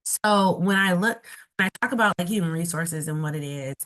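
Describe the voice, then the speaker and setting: A woman in her thirties from Los Angeles, California, recovering from a cold, gives a casual, explanatory webinar presentation as a guest speaker, filled with "like." Her voice is fairly low-pitched and a bit bright, and she speaks fairly quickly.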